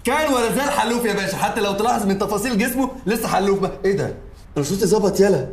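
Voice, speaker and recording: A man's voice: high-pitched, animated. An actor playing a wisecracking young man with an Egyptian accent. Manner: quick, wisecracking. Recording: echoey room.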